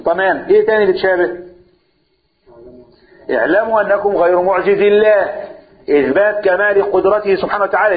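A man with an Egyptian accent teaching a religious lesson, quizzing listeners with quick rhetorical questions and reciting scripture slowly. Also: high voice. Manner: switches between colloquial talk and slow recitation. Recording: tinny phone-like audio.

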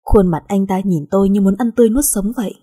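Warm, breathy woman telling a story. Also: mid-range voice, quick pace. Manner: soft, emotional storytelling. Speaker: narrator. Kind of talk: first-person audio story narration.

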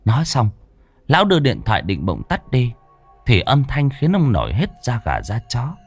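A man's voice: mid-range voice, huge pitch swings, normal speed, creaky, a little mellow, slightly rough, soft background music. Dramatic male horror narrator. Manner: dramatic storytelling.

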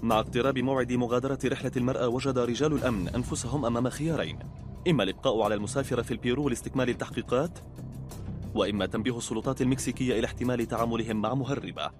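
Brief: male documentary narrator, rapid scripted read, faint music bed. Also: mid-range voice. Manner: fast, even, informative delivery.

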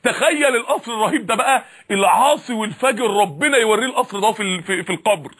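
High, fast Egyptian preacher. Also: male voice, a bit bright, breathy edge. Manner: impassioned, rhetorical repeated questions. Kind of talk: sermon.

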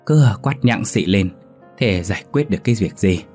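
A man voicing a gentle middle-aged village wife who speaks softly and calmly to soothe her husband. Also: fairly low pitch, moderate pace, faint music behind. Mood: coaxing. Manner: soft, coaxing, calm.

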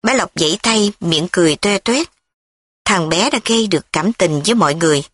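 A woman narrating a story in a steady storytelling manner. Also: lowish voice, a little fast, husky, dry recording, clean studio sound.

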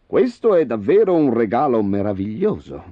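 A man's voice: mid-range voice, sing-song, moderate pace, no room sound, phone-quality sound. A man voicing a wavering old king. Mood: generous. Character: anxious old Persian king, easily swayed.

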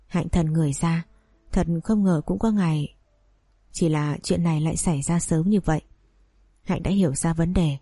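A woman reading a story aloud in a calm, even voice, narrating and doing every part herself. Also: lowish voice, no echo, clean studio sound.

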